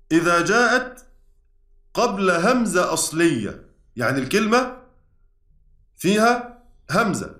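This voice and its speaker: A high-pitched man with an Egyptian Arabic accent gives a classroom lesson, breaking each point down and pausing to ask his students if it is clear. His voice is picked up from a distance in a roomy lecture hall that echoes around him. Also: sharp tone. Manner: explains step by step, often checks with the class. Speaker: Quran recitation teacher. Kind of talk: classroom lesson on Quran orthography. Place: lecture room at an institute.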